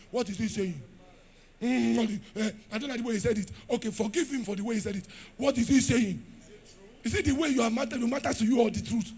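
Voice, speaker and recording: A man with a Nigerian accent preaching a sermon, shouting at times and dropping to low asides. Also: slightly rough. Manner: rugged preaching style. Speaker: pastor.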